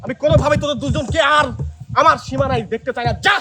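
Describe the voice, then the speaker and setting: A man's voice: very high-pitched, quick pace, heavy background noise. A man playing a raging, betrayed film villain boss with melodramatic, vengeful threats. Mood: angry, menacing. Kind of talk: parody of Bengali film villain dialogue. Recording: loud music behind voice. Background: loud music.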